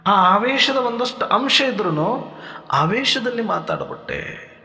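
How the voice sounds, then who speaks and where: A man giving a sermon in a measured teaching manner, asking rhetorical questions and listing points for his listeners. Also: high-pitched, very animated, pushed and bright. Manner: rhetorical questions, lists, addresses listeners as brothers. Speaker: spiritual speaker. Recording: long hall reverb with faint music.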